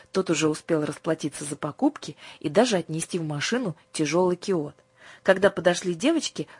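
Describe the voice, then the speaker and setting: A woman narrating a children's audiobook in an even storytelling manner. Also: lowish voice, slightly rough, dry recording.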